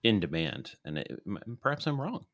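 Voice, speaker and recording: A man's voice: very animated, moderate pace, fairly bright tone, dry recording, clean studio sound. A man co-hosting a podcast in playful, goofy casual chat. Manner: playful, goofy, swings his pitch widely. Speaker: podcast co-host.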